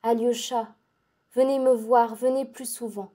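Pleading and breathless, a feverish young girl veers from rapture to dread as a woman performs her in a dramatic audiobook. The tone is soft and mellow, pitched fairly high, the pace a little slow, the manner excitable, urgent and intense.

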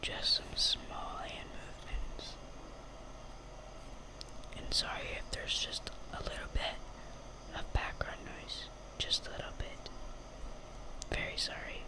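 A man's voice: takes it slowly, long pauses. A young adult man whispering casual, apologetic ASMR close to the mic in a room at home. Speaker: ASMR video maker. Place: small room at home, indoors. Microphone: close mic, tapped by hand.

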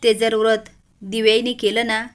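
A woman's voice: fairly high pitch, flat delivery, normal speed, smooth, natural voice. A woman voicing an earnest young village woman, urgent and eager.

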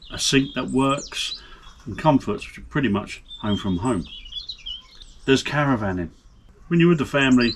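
Outdoors in a garden with birdsong behind him, a middle-aged man gives a casual gear demonstration to camera, chatty and plain-spoken as he handles camping stoves. He is a camping vlogger with a fairly low-pitched voice, and the background is noisy.

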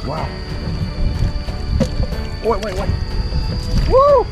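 Excitable young man exclaiming outdoors. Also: sits high, extremely slow, creaky. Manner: loud exclamations of amazement. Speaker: video host. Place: grassy field outdoors, digging a hole. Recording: background music over field audio. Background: background music.

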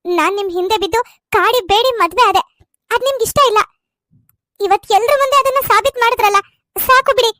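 Very high squeaky voice, a hurt young bride in a cartoon soap pleading and complaining through tears, as a woman plays her. The sound is bone dry and close. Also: brisk, pauses often, bright, forceful tone, dry recording. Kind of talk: cartoon serial voice acting.

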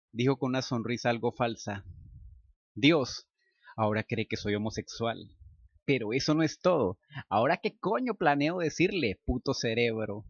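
A man narrating a first-person romance story, bursting into frantic, high inner monologue. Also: no room sound. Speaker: story reader. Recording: dull, dry lo-fi recording.

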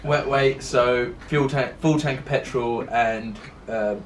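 A young adult Brit takes it slowly as he chats in a casual car vlog about working on his car, filmed on a handheld camera around a garage and driveway. His mid-range voice has fairly even intonation. The camera audio is noisy.

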